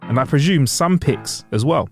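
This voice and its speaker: A man's voice: on the high side, expressive, normal speed, soft background music. A man co-hosting a podcast, telling a true-crime story with comic asides and long, playful strings of synonyms.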